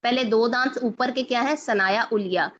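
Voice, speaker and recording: Woman teacher doing a recitation class, patient, slow sounded-out examples, bit high voice, kinda muffled lo-fi audio. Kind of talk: recitation lesson. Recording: slightly dull lo-fi recording.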